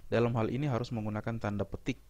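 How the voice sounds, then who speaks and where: A middle-aged man, a university lecturer, explaining step by step in a measured recorded lecture, with small fillers and restarts. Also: medium pitch, fairly even intonation, darkish tone, no echo, lo-fi sound.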